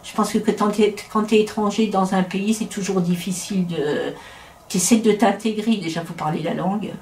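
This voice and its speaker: A woman's voice: mid-range voice, moderate pace, darkish tone, slight background noise. A middle-aged woman from France talking in a casual interview, opinionated and chatty, often breaking off and restarting her sentences. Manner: talkative, opinionated, many restarts. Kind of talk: casual conversation. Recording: roomy echo.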